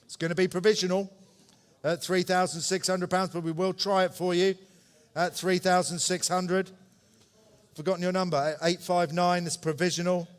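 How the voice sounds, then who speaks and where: Smooth and slightly high-pitched with little pitch variation, an auctioneer keeps the bids rolling with brisk, repeated numbers and polite side comments to the bidders. The audio carries the long reverberation of a big indoor hall.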